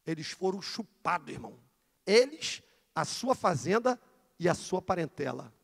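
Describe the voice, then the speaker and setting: Fervent high-voiced preacher, hall reverb. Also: male voice, very animated, normal speed, vocal fry, slightly rough. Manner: fervent, acts out dialogue, shifts between shouting and hushed asides. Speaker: church elder teaching. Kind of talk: Pentecostal Bible teaching.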